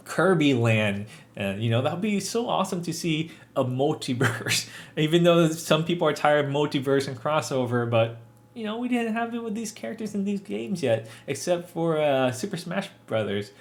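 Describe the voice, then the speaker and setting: A young man talks through a movie review in a relaxed, chatty way. He sounds earnest and upbeat, his voice sitting at an ordinary middle pitch. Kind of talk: casual spoken review.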